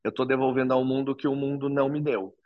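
A man's voice: medium pitch, little pitch movement, fast talker, dry recording, highs cut off. A man, telling his own story to an interviewer in an earnest, reflective way. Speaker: interview guest. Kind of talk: personal testimony in an interview.

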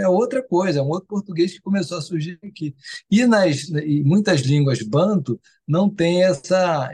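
A man's voice: medium pitch, darkish tone, slightly rough. A man speaking as an interview guest in a casual, enthusiastic, rambling way, with many restarts and casual swearing.

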